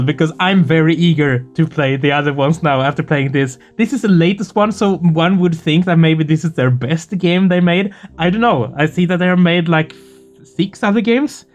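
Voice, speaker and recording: A gaming video host chats casually and effusively after a game playthrough, excited, earnest, and prone to swearing. The voice is mid-range at a normal speed, with faint music behind.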